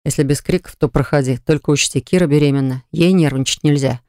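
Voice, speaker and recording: A woman narrator voicing a wary grown man who speaks calmly and conciliatingly. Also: sits low, fast talker, dry recording, clean studio sound. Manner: squinting, conciliatory.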